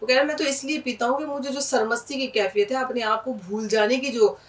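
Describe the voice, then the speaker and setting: Patiently spelling each word one letter at a time before repeating it, a high-voiced Urdu teacher leads a language lesson in a steady tone. She is set back from the microphone, and the space around her echoes.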